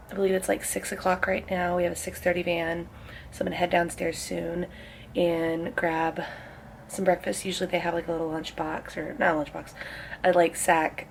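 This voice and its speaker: A woman's voice: on the low side, vocal fry, a little hiss or hum. A young woman with a Southern US accent, a flight attendant chatting casually to her phone camera in a rambling, tired way. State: tired morning voice. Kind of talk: casual vlog chat. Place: hotel room and airplane galley.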